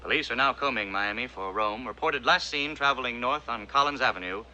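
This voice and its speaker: Film radio newsreader: serious man, mid pitch, very sharp tone, formal bulletin delivery. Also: fairly quick, lo-fi sound, slight background noise. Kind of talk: scripted news bulletin.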